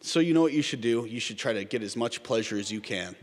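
A man's voice: mid-range voice, expressive, fast talker. A man preaching an earnest Lent sermon, calling his listeners "everyone" again and again. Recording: long reverb, as in a church.

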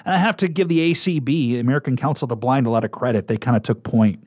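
A man's voice: medium pitch, fast, darkish tone, husky, no echo, clean studio sound. A man chatting casually and enthusiastically as a guest on a radio interview program. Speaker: radio talk show guest and coworker.

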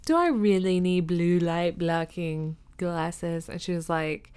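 A woman's voice: fairly low pitch, slow, darkish tone, clear, resonant tone. A young woman co-hosting a podcast, chatting with a dry, teasing humor and frequent laughter. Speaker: podcast co-host. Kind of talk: casual chat.

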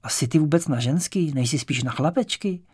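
A man reading an audiobook, voicing a brash, loud and teasing male poet character. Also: fairly high pitch, husky, no echo, studio quality. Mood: boisterous.

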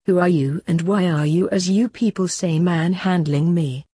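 A woman reading the lines of a hostile male grey alien assassin, demanding and threatening, in a husky voice. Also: lowish voice, steady tone, moderate pace, dark tone, no room sound.

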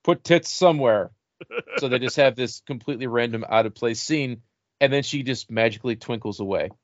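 A man's voice: medium pitch, steady tone, a little fast, no room sound. Male podcast host, wry and joking, mid-range voice, dry muffled recording. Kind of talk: casual chat reviewing a film. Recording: dry, dull lo-fi sound.

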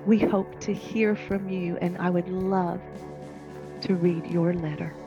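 Soft-spoken woman reading a letter. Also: lowish voice, fairly even intonation, takes it slowly, muffled recording, over music. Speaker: podcast host reading a caregiver's letter. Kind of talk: gentle, slow read-aloud of a personal letter.

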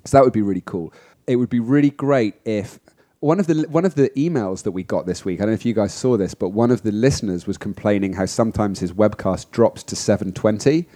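A man co-hosts a surf podcast in an easygoing way. His voice is low and warm. He chats freely, pokes fun at himself and laughs easily. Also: a little fast. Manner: chatty, self-deprecating, laughs easily. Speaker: podcast co-host. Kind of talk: casual chat.

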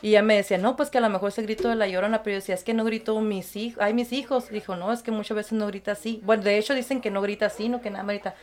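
A woman, a guest recounting her experiences and acting out the voices of others in lively conversation. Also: mid-range voice, racing, hardly any pauses. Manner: animated, acts out quoted voices, laughs easily. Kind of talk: storytelling in conversation.

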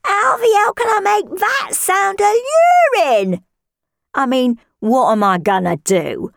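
A woman's voice: extremely high pitch, takes it slowly, vocal fry, no room sound, full character voice. A woman playing a nosy neighbour. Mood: gossipy. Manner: chatty, gossipy, dry deadpan asides. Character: nosy gossiping married woman spying on neighbour. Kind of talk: comic character monologue.

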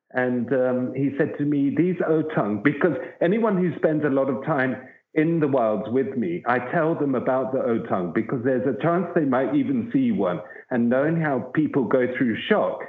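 Man on an echoey phone line. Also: medium pitch. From southern Africa. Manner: earnest, rambling anecdotal telling. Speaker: wildlife researcher, guest. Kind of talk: storytelling in an interview. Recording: tinny phone-like line with echo.

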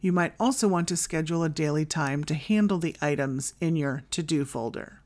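Female podcast host, slightly low register, delivering scripted tips in a tidy, instructional manner. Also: fairly quick, darkish tone. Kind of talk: scripted solo advice narration.

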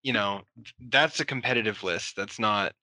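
A man's voice: lowish voice, moderate pace, bright, forceful tone, no echo. A man hosting a casual podcast chat, enthusiastic and rambling with fillers. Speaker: podcast host.

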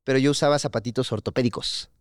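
A young man with a Mexican Spanish accent, chatting casually as a podcast host, slangy and animated, telling stories and mimicking voices. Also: medium pitch, quick pace, no echo, clean studio sound. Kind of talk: casual chat.

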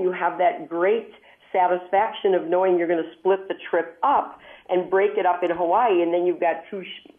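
A woman hosting a call-in travel show from a speakerphone, chatty and upbeat, explaining at length. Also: on the low side. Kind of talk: call-in radio advice. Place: hotel room far from studio, calling in. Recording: tinny speakerphone line.

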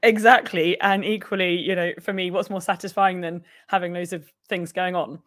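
A young woman co-hosting a podcast, with a croaky, husky voice, chatting and laughing as she rambles. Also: fairly low pitch, steady tone, moderate pace, a bit bright, no room sound. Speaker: podcast co-host. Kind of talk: casual podcast chat.

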